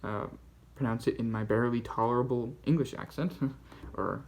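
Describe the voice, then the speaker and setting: A Canadian man hosts a relaxed book channel, chatting through his finds. His voice sits at an ordinary middle pitch, and his delivery is halting and rambling, full of small restarts. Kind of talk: casual book-haul vlog.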